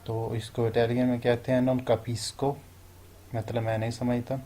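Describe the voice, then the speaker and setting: A man with a Pakistani Urdu accent teaching a lesson, explaining phrases step by step and slowing down to stress each foreign phrase. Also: medium pitch, little pitch movement, dark tone. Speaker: language teacher.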